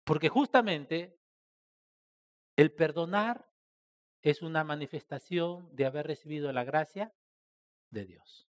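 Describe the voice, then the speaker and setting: High-voiced preacher, emphatic and earnest. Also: male voice, takes it slowly, pauses often. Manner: emphatic preaching with rhetorical questions, addressing the congregation as brothers; swings between loud stressed phrases and soft trailing endings. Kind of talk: church sermon.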